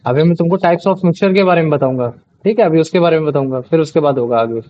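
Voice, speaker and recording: A man's voice: a little high, fast. A man teaching a science class, explaining step by step and often checking with his students. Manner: explains with many tag questions. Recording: dull lo-fi audio.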